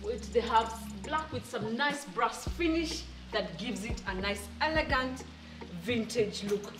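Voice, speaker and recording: A woman's voice: fairly high pitch, animated, unhurried. Gushing woman, roomy and echoing. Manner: gushing, delighted and admiring. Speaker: home makeover presenter. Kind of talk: makeover reveal vlog narration. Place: indoors in a house, walking between rooms. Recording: roomy echo, distant mic, background music. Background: music.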